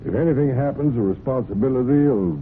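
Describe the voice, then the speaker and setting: In a muffled, noisy old radio broadcast, an actor plays a genial but pushy horse buyer, folksy, cocksure and persistent. His natural, medium-pitched voice moves quickly with lively intonation, and he sounds confident and insistent.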